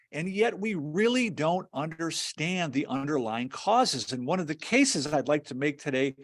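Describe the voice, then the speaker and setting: Earnest man presenting a webinar. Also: on the high side. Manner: earnest, repeats words, frequent fillers.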